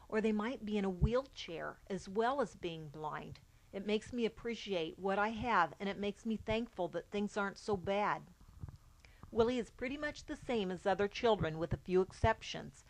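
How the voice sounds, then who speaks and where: A middle-aged woman, a mother, reading aloud a personal account in a steady, matter-of-fact way. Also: medium pitch. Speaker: mother of a child with albinism.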